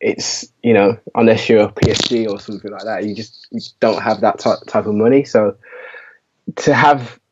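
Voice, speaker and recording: A man's voice: on the low side, steady tone, moderate pace, slightly rough. A man co-hosting a casual fan podcast, agreeable and easygoing, filling his talk with "yeah" and "you know". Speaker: podcast co-host. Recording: dull lo-fi audio.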